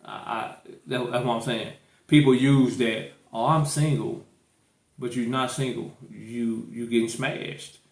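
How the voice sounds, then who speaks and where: With a mid-range, creaky voice, this "St" podcast host speaks a little slowly and keeps a steady tone. He's very casual and opinionated, hammering points emphatically in colloquial speech and repeating himself. The recording sounds roomy and echoey.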